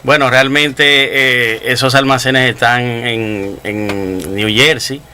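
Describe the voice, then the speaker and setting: Male guest, hesitant explainer, bright tone, slight background noise. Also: medium pitch, fairly even intonation, takes it slowly. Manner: hesitant, many fillers. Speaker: auto service company president, guest. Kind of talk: casual interview talk.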